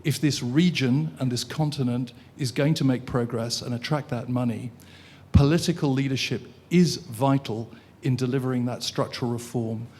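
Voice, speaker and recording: A man's voice: medium pitch, moderate pace, darkish tone. A man making a formal, filler-laden comment from the floor of a conference. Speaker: audience member commenting. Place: conference hall.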